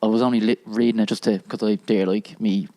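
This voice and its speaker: A man's voice: on the low side, little pitch movement, quick pace, mellow. A man on a podcast, talking in casual chat and rambling hesitantly with many fillers and restarts.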